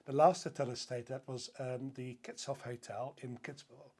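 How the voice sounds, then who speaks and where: His voice sits mid-range with little pitch movement, a bit mellow and slightly rough, at a moderate pace. A Dutch hotel sales director from the Netherlands, he chats eagerly as a podcast guest in a casual interview, full of fillers and restarts.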